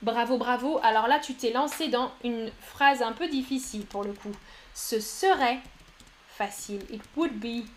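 A woman with a high voice teaches French on a live stream. She reads out viewers' answers from the chat one after another and praises each of them. Her delivery is encouraging and upbeat. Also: moderate pace, a little hiss or hum. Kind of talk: live-streamed language lesson.

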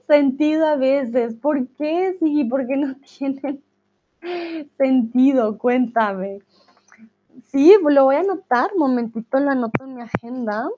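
Woman, slow and patient language teacher on a live stream, higher voice, dull lo-fi audio. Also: warm tone. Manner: patient, explains slowly, chats with viewers. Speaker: Spanish teacher. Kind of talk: live-streamed lesson reading chat.

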